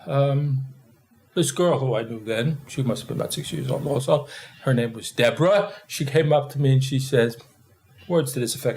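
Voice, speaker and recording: A man in his sixties with a New York accent, a guest in an interview telling stories about growing up, in a halting way with many fillers. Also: mid-range voice, gravelly, a little hiss or hum. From Austria. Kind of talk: casual storytelling interview.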